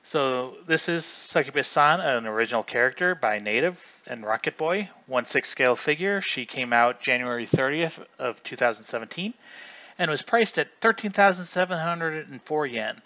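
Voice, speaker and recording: Man streamer, bright forceful voice, loose casual commentary, dull lo-fi home recording. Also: medium pitch, expressive, moderate pace. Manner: chatty, rambling, often restarts mid-sentence. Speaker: livestream host.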